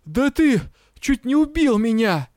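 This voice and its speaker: A man voicing a hot-tempered male drow who shouts in outrage. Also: sits high, moderate pace, no room sound, clean studio sound, voice pushed up, lightly acted. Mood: outraged. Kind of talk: audiobook reading.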